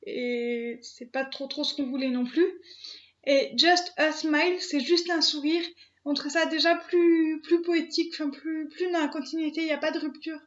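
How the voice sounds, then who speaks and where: A woman's voice: high-pitched, steady tone, normal speed, dull audio. A young woman hosting her own channel, talking casually to camera, hesitant, with many fillers and restarts. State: emotional, near tears. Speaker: channel host. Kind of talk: casual vlog talk to camera.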